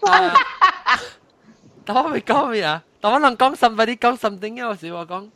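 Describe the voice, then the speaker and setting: A man hosting a casual chat, telling a ghost story in an animated way, laughing often and mixing in English words. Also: extremely high pitch, moderate pace, creaky, slight background noise. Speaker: host.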